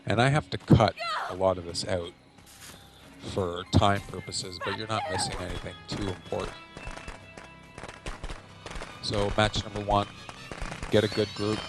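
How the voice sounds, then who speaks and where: A man hosting a gaming channel, giving dry, wry game commentary and keeping his voice down at night so as not to wake anyone. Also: on the low side. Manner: hushed, keeping quiet at night so a sleeper is not woken. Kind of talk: recorded game commentary over match highlights.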